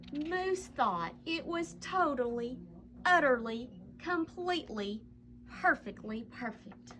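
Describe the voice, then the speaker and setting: A woman with a high voice reads a children's picture book aloud as a storyteller, her delivery expressive and dramatic with drawn-out emphasis. There is slight background noise.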